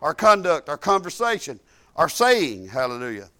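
A man's voice: a little high, very animated, normal speed, pushed and bright. A middle-aged man giving a fervent, folksy church testimony, peppering his talk with hallelujahs. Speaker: church speaker. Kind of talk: sermon testimony.

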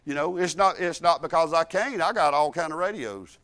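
A man's voice: a little high, normal speed, a bit bright. A middle-aged man giving a fervent, folksy church testimony, peppering his talk with hallelujahs. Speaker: church speaker. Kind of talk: sermon testimony.

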